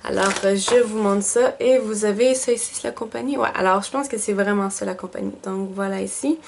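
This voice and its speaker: A woman's voice: medium pitch, a little fast, vocal fry, a little hiss or hum. A woman with a Quebec French accent chatting casually through a beauty box unboxing, thinking aloud with lots of fillers. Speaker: beauty vlogger.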